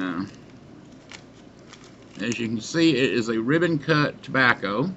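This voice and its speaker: A middle-aged man chatting casually to camera as a reviewer, halting and pausing often, recorded on a webcam mic in a small room. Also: medium pitch, pushed and bright. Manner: halting, unhurried delivery with long pauses. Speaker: pipe tobacco reviewer. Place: small dim room indoors. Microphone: webcam or computer mic at arm's length. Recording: muffled webcam sound with background noise.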